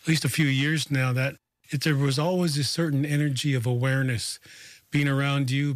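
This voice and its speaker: Slow, searching male radio host. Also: mid-range voice, no room sound. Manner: slow, searching, repeats words while thinking. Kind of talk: radio interview.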